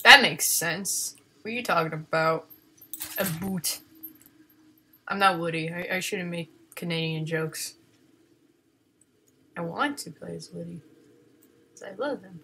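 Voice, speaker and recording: A woman giving casual game commentary, swinging from panicked shrieks and swearing to low muttering. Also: unhurried, gravelly, pauses often, pushed and bright, slight background noise. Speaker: gaming video host.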